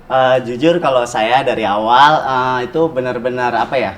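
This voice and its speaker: A man's voice: medium pitch, moderate pace, a bit bright. A man in his twenties, a guest on a talk show, speaking casually and politely with some hesitation. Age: 20s. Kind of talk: casual interview chat.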